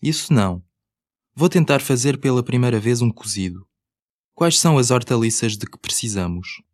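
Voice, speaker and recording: A man's voice: medium pitch, lively intonation, moderate pace, darkish tone, no room sound, clean studio sound. A man with a European Portuguese accent reading scripted language-course dialogue, carefully enunciated.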